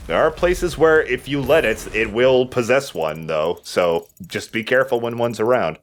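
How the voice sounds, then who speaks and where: A man hosts and plays a let's play, offering casual, joking commentary at a moderate pace in a medium-pitched voice. There's a slight hiss or hum, with video game music and combat sounds behind him.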